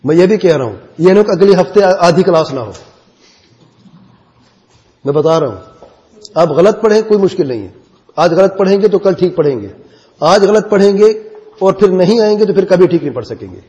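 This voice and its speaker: A man's voice: high-pitched, lively intonation, long pauses, mellow. A man teaching a class, explaining patiently and encouraging his students. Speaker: religious teacher. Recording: dull audio in a reverberant hall.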